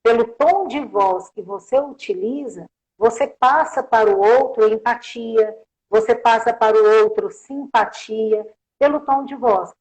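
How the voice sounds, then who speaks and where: A woman with a somewhat high voice talks as a guest on a live-streamed interview. She makes her points through everyday examples and keeps dropping small filler tags as she goes. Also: measured pace, a little mellow, rough recording. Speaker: guest communication professional.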